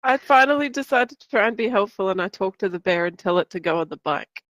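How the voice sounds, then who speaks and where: A woman's voice: mid-range voice, animated, quick pace, a bit bright, no room sound, highs cut off. A young woman playing a tabletop game, mildly and wryly describing her character's actions. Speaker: player.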